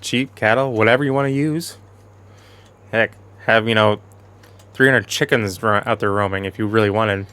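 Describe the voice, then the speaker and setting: A man giving casual, rambling commentary over a farming game while losing his voice, clearing his throat now and then, with soft music behind. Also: fairly low pitch, moderate pace. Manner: rambling, self-correcting, chatty. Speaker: gaming channel host.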